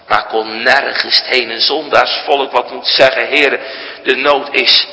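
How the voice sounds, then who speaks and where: Solemn preacher man, slow and sharp-toned. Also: steady tone. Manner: swings from loud, high emphasis to soft near-whispers; slow, deliberate, solemn delivery. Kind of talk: sermon. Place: church. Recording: long church reverb.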